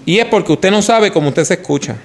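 A man's voice: high voice, animated, quick pace. A man giving a conversational lesson on how to preach, demonstrating points with his own voice. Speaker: preaching teacher. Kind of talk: instructional talk on preaching.

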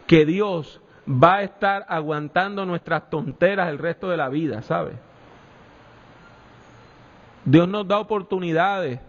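Man, sermon, high voice, echoey hall, dull lo-fi recording. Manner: slow, emphatic delivery with repeated refrains. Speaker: preacher.

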